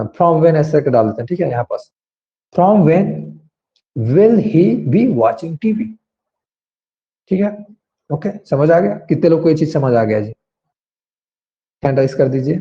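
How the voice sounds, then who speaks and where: A man teaching grammar in an online class, explaining slowly and asking students to raise their hands. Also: a little high, lively intonation, vocal fry. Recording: dull lo-fi sound.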